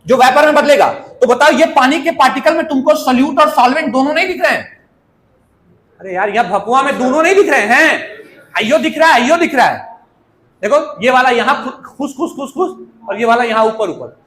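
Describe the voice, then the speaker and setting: A man teaches chemistry in a lively, playful way, constantly quizzing his students. His voice sits very high, and the room around him rings with echo. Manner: chatty, asks students questions, playful. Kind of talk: lively classroom lecture with everyday examples.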